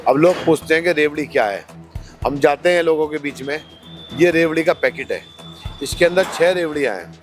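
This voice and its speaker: High-voiced man arguing politics. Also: expressive, fairly quick, soft background music. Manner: argumentative, rhetorical questions. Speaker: politician, candidate. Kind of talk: interview answers.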